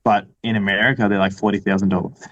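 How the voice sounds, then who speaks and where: Low-voiced Australian man, rambling. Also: flat delivery, quick pace, fairly bright tone, lo-fi sound. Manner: rambling, lots of fillers and restarts. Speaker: guest. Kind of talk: casual conversation.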